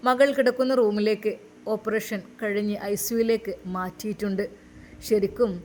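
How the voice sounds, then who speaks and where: A woman's voice: fairly high pitch, slight background noise. A woman narrating a religious story in a dramatic, heartfelt, moralizing manner.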